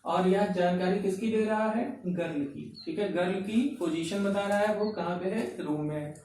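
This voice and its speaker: Male grammar teacher, high voice, slow word-by-word dictation, heavy room echo. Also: darkish tone, distant mic. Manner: slow and repetitive, says "ठीक है" constantly and dictates example sentences word by word. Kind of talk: classroom-style grammar lesson. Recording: very echoey room, voice from off-mic, faint noise.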